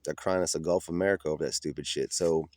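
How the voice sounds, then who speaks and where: A man's voice: a bass voice, steady tone, quick pace, a little mellow, no room sound. A man ranting outdoors in the cold, giving profane, combative and mocking political commentary. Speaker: political vlogger.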